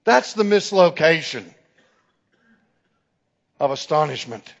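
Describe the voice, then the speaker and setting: A male preacher telling a story in a slow, deliberate sermon, his voice a little high for a man. It rings out with a long reverb in a large hall on a dull, lo-fi recording. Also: animated, creaky. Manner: dramatic storyteller who acts out the people in his stories. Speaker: preacher and teacher.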